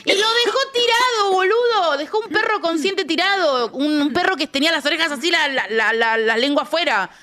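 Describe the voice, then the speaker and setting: A woman's voice: high-pitched, fairly quick, hardly any pauses, sharp tone. A woman with an Argentine accent co-hosting a radio show, telling a story in an angry, vulgar, ranting casual chat. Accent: Argentine Rioplatense Spanish. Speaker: radio co-host. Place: radio studio.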